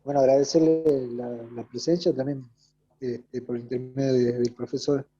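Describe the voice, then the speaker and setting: Male student, hesitant questioner, dark tone, dull audio. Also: medium pitch, little pitch movement. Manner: hesitant, halting with many fillers. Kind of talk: question in an online class.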